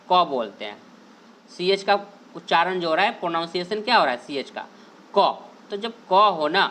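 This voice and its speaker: A man teaching a grammar lesson to students over on-screen slides. He asks a question, answers it himself, repeats the main points and drags key words out slowly. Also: high voice, sharp tone, slight background noise. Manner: drawls out key words slowly to stress them; addresses students fondly and directly. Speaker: online English teacher.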